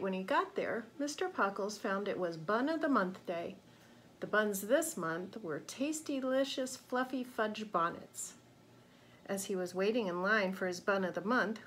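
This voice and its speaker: A woman reading a children's picture book aloud, expressive and pausing to ask young listeners questions. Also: medium pitch, slight background noise. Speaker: read-aloud narrator.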